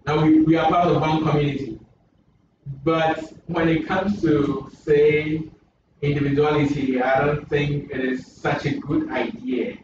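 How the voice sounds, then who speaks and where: A Ghanaian man reflects on writing in a measured, searching way with small restarts. His voice sits slightly high for a man. He is picked up from across a noisy, echoing room on a muffled recording. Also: little pitch movement. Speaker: poet on a panel. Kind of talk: reflective panel discussion. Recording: distant mic in an echoey room, muffled, noisy.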